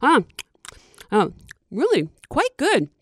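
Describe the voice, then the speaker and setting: A woman voicing a chatty, plump female groundhog who is a fairy godmother in training, eager and fussy, halting over her words, in a told story. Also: high voice, wildly swooping pitch, husky, dry recording, studio quality, pitched above the performer's own voice, full character voice.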